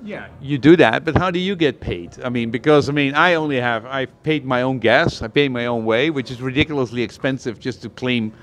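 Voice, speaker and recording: A man's voice: medium pitch, fairly quick, few pauses. A male host interviewing a guest in a casual tech chat, asking probing follow-up questions with enthusiasm.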